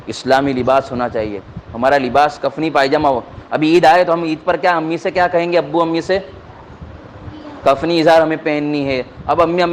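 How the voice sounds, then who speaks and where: Maulana addressing young students, fairly high-pitched man, question-and-answer style, faint background noise. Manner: asks the listeners questions and answers them himself, in simple repetitive teaching; plain conversational speech with many fillers. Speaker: maulana giving a religious talk to students. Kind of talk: religious talk to children.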